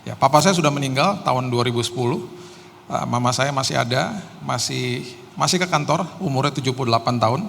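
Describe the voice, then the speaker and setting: This guest pastor is a middle-aged man from Jakarta, Indonesia, with a mid-range, slightly bright voice marked by vocal fry. During a live service in a church hall he gives a conversational sermon built on casual personal storytelling and self-deprecating humour. The recording carries hall reverb and faint background noise.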